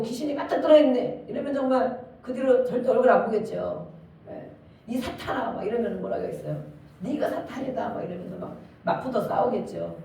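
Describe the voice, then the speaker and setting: A woman's voice: fairly high pitch, mellow, heavy reverb, distant mic, slight background noise, poor audio. A woman preaching a sermon in a conversational way, asking her listeners questions and acting out quoted lines.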